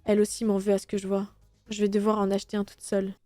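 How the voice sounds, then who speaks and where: Mellow-voiced woman reading a game. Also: mid-range voice, rapid-fire, dry recording, faint music behind. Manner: reads every character in turn, lightly animated. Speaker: let's play streamer. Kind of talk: reading a visual novel aloud.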